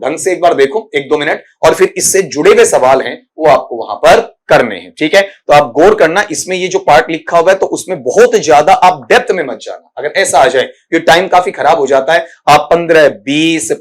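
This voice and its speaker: A man teaching an exam-prep English lesson, explaining step by step and asking and answering his own questions. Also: a little high. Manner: reads English lines out slowly.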